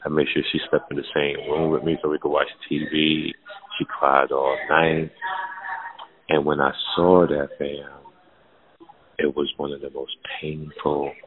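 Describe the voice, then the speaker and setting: Blunt, very deep-voiced man on a tinny line. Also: little pitch movement, a little slow. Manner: blunt, profane, emphatic, calls listener "fam"; drops to a hushed, low murmur when telling something painful. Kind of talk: casual podcast chat. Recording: phone-like narrow sound.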